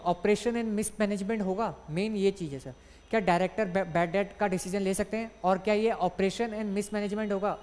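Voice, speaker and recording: A woman's voice: medium pitch, darkish tone. A woman teaching an online exam class, explaining step by step and asking and answering her own questions. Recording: long hall reverb.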